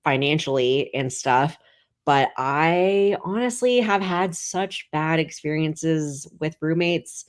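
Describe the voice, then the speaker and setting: A woman's voice: deep voice, slow pace. A woman in her thirties, a guest comedian, chatting casually and rambling with lots of "like.". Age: 30s. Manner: rambling, heavy filler "like". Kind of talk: casual chat.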